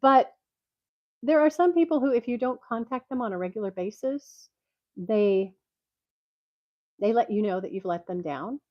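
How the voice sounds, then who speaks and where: Her voice on the high side, an older woman reads jokes for a vlog at home, chatting casually, rambling and laughing often, at normal speed with long pauses. A glasses-clipped mic gives a dull, dry, lo-fi tinny sound with no echo, and she comes across congested, like a tin can.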